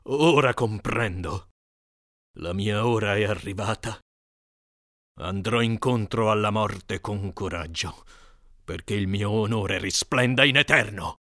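A man's voice: medium pitch, a little slow, bright, forceful tone, no echo, clean studio sound. A man voicing a proud, brave Trojan warrior prince who knows he is doomed, reading an epic in a grave, solemn way. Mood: resigned.

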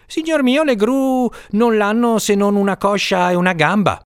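A man voicing a frightened, quick-witted young cook who pleads nervously with his lord in a high, strained voice. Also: clear, resonant tone, dry recording, studio quality, close to an everyday voice. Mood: pleading.

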